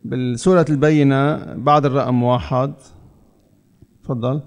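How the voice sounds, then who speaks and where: A man with a Levantine Arabic accent, patiently correcting recitation and slowing down to model each word. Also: medium pitch, steady tone, darkish tone. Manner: slows down to model pronunciation. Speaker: Quran recitation teacher.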